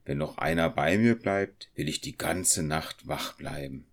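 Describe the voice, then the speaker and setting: A man voicing a calm, steady carter in a storybook reading, speaking slowly and reassuringly. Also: extremely low pitch. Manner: slow, reassuring.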